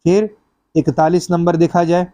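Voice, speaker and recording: A man's voice: fairly high pitch, level tone, moderate pace, mellow, no room sound. A man teaching an exam-prep class, going through practice questions step by step and repeating each answer.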